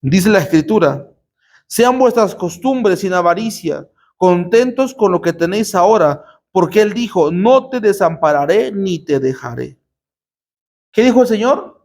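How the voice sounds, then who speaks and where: A man's voice: high-pitched, a little mellow. A man preaching a sermon to a congregation as pastor, emphatic, with rhetorical questions and call-and-response. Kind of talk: sermon teaching.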